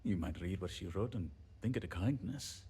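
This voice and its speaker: A man's voice: deep voice, lively intonation, warm tone, husky, heavily acted. An actor playing a fretful, apologetic male handyman who rambles and talks himself down, in video game dialogue. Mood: bitter. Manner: rambling, self-deprecating, quick to apologize.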